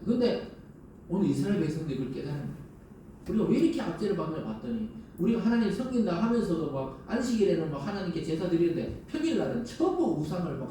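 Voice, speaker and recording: Pastor preaching in an echoey hall. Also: male voice, fairly high pitch, warm tone. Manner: conversational preaching with rhetorical questions to the congregation. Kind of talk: sermon. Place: large church sanctuary. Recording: very echoey church hall, voice from a distance, faint hum.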